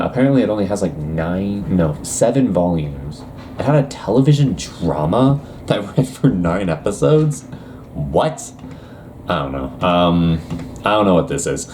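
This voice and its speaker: Against slight background noise, a young man with a low, dark voice reacts casually to anime news, reading quotes aloud and rambling with plenty of hesitations.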